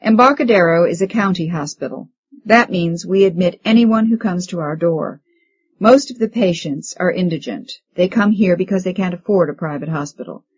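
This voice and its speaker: Brisk, commanding hospital chief, man in middle age, read by a husky-voiced woman, slightly dull lo-fi audio. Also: lowish voice. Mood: stern. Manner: brisk, authoritative lecturing. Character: stern middle-aged male hospital chief briefing residents.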